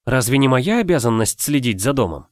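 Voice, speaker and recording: A man voicing a stubborn, indignant young noble wife in an audiobook, speaking high and insistently. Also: sing-song, brisk, a little mellow, no echo, studio quality, lightly acted.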